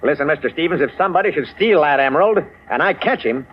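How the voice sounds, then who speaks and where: A man playing a gruff blustering police inspector. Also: a little high, expressive, fast, lightly acted. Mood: grumbling. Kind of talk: 1940s radio acting. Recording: dull old radio recording with faint hiss.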